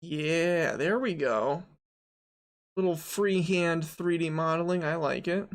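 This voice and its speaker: A man's voice: a little high, slow. A young man streaming game development, chatting casually, thinking aloud and answering his chat as he models.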